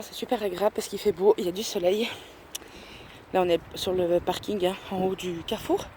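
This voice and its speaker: With her voice on the high side, a woman of Turkish family background rambles through a casual vlog, using plenty of fillers. A handheld camera follows her at home and out on walks. Background noise is audible.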